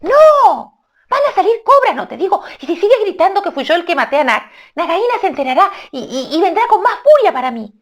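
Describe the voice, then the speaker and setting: Brief: a clever young mongoose hero, put on by a woman storyteller, high-pitched, pressing and insistent. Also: sing-song, brisk. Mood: urgent. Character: small brave young mongoose, quick and clever.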